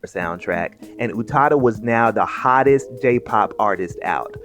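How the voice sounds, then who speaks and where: A man narrates a scripted music history at a measured pace. Faint music plays under his voice. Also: lowish voice, animated, fairly bright tone. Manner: measured, informative. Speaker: video essay narrator.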